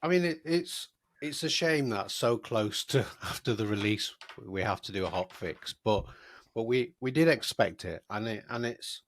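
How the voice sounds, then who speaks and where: A man's voice: medium pitch, moderate pace, slight background noise. A man with a Mancunian accent, co-hosting a casual podcast chat and often repeating words as he starts a sentence. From Manchester, England. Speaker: co-host.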